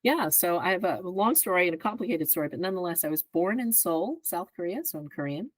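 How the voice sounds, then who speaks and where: A woman in her fifties, a guest on a podcast, explaining her work in a measured way and often checking in with "right?". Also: lowish voice, animated, no room sound, low-quality recording. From greater Philadelphia area. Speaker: advertising executive guest. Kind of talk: podcast interview answers.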